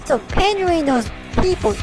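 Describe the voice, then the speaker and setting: A woman's voice: very high-pitched, expressive, normal speed. Woman, voice changer, exasperated casual commentary, blunt slang, swooping intonation, music behind. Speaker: reaction video host.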